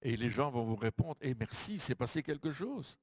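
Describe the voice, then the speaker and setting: A middle-aged man preaching a lively sermon, telling stories and acting out the voices of the people in them, with frequent fillers. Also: medium pitch, normal speed. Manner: animated, acts out quoted voices, frequent fillers. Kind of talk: sermon with storytelling. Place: large hall. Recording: dry close mic with long hall reverb.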